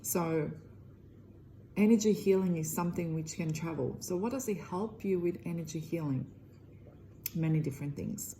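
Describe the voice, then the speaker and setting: A middle-aged woman with a Croatian accent talks earnestly to camera about her healing work. Her voice sits low and mellow, and her English is loosely phrased. A faint hiss runs underneath. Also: normal speed, long pauses, rough recording. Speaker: energy healer. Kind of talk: direct-to-camera self-promotion.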